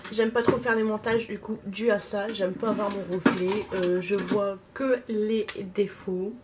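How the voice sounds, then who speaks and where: A woman's voice: mid-range voice, steady tone, a little slow, very noisy. A young woman with a slight lisp, chatting casually and hesitantly while doing her makeup for a vlog. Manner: hesitant, many fillers. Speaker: makeup vlogger.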